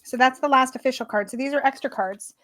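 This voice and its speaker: A woman chatting casually as she flips through a tarot deck, gushing and excitable, sometimes dropping to soft murmurs. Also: high-pitched, fast talker, dry recording.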